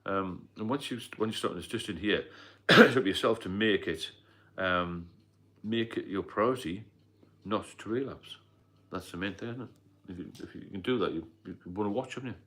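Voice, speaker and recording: Deep-voiced British man on a livestream. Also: normal speed, sharp tone. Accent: British English. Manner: rambling, repetitive, frequent fillers and coughs. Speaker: livestream host, sobriety mentor. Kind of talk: casual live stream talk.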